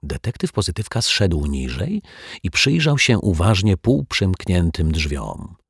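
Deep, husky man reading a storybook. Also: sing-song, measured pace, no room sound, clean studio sound. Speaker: audiobook narrator. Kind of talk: storybook narration.

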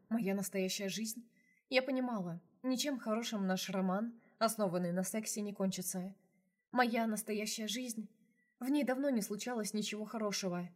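A woman's voice: mid-range voice, a little mellow. A woman reading a first-person novel aloud as an audiobook narrator, in an intimate storytelling manner.

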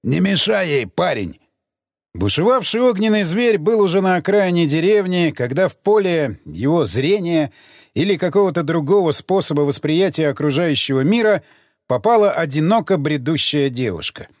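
A man reads an audiobook aloud with theatrical expression. His pitch sits a little high and moves widely. The sound is dry and close, with no room around it. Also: animated, normal speed, a little mellow, no room sound. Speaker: audiobook narrator. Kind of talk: dramatic audiobook narration.

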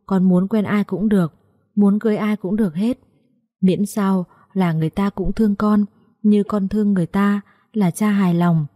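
Woman doing an old father, husky voice, gentle and tearful, mellow tone, audio storybook. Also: mid-range voice, fairly even intonation, normal speed, dry recording, clean studio sound, close to an everyday voice. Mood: tender. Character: poor, gentle old father, loving and humble.

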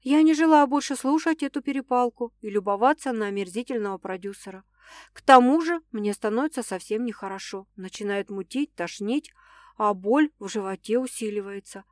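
A woman reading a first-person audiobook in an expressive, dramatic way. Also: on the high side, brisk, no echo, clean studio sound. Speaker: audiobook narrator.

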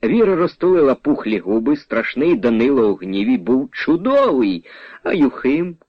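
A man narrating a novel in a dramatic, expressive reading, in a dull, dry radio recording. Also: mid-range voice, normal speed, slightly rough, no room sound. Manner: expressive, varied.

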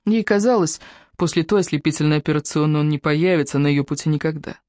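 Audiobook narrator, mid pitch, even storytelling, dry studio. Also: fast, no room sound. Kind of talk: scripted novel narration.

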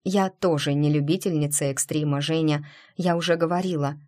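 Anxious young female violinist, low voice; read by a woman. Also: fairly even intonation, fairly quick, a little mellow, close to an everyday voice. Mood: flustered. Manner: flustered, shaken.

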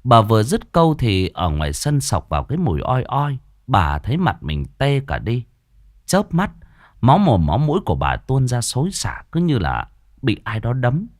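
A male storyteller narrates a horror tale dramatically. His pitch rises and falls with the tension, and the recording is close and dry. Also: wildly swooping pitch, normal speed, no echo.

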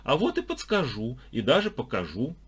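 A naive, blissful young woman from a strange cult, as an audiobook reader plays her, her high voice lifted far above a man's usual register. She talks sweetly and wide-eyed, with a lively, sing-song lilt. A slightly husky grain sits under the sound. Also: moderate pace. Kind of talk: audiobook character voice.

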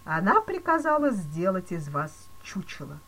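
A woman's voice: lowish voice, sing-song, moderate pace, fairly bright tone, exaggerated voice. A woman voicing a male police chief who delivers dire news in a grave, regretful manner in a storybook reading. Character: solemn, mock-sympathetic male police chief.

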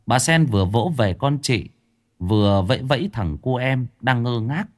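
A man narrating a ghost story in an expressive, suspenseful way. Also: moderate pace. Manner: expressive, swinging pitch for suspense.

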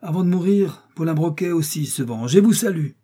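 A man's voice: lively intonation, a little fast, warm tone, slightly rough. A man voicing a brave detective who defies his captors in ringing, declamatory speech in an audiobook reading. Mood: defiant. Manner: ringing, declamatory, raised pitch. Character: defiant male detective, brave, indignant.

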